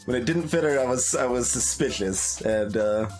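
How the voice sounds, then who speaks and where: This let's play host has a medium-pitched, darkish voice and keeps a moderate pace. He comments on his game in a casual, musing way, hesitating and leaving thoughts unfinished, with game music in the background.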